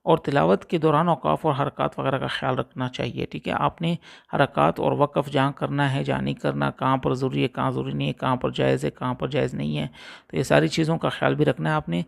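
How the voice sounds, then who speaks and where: A man, a religious teacher giving a lesson on Quran recitation, explaining steadily and sounding out letters slowly to show how they are said. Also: medium pitch, little pitch movement, gravelly. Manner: explanatory, repeats letters slowly to demonstrate pronunciation.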